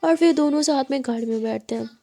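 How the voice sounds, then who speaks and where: A woman telling a serialized romance story in a relaxed, chatty way, slipping English words into her narration. Her voice is high with a mellow, soft tone. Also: quick pace, creaky. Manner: casual, mixing in English words.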